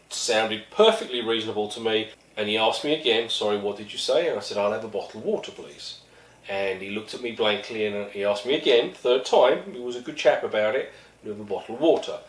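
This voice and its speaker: This middle-aged East Londoner speaks in a lowish voice at a fairly quick clip, his East London accent clear. He delivers a casual monologue of wry, self-deprecating stories, picked up by a distant mic in an echoey room.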